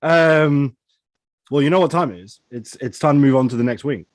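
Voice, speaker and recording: A man's voice: mid-range voice, normal speed, no echo. A man hosting an interview in a casual, chatty style. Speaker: host.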